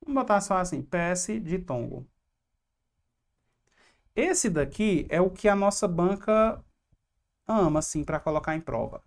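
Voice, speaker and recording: Low-voiced woman teaching an exam class. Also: big pitch swings, moderate pace. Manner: explanatory, asks and answers own questions; chatty asides to students. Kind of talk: online exam-prep lesson.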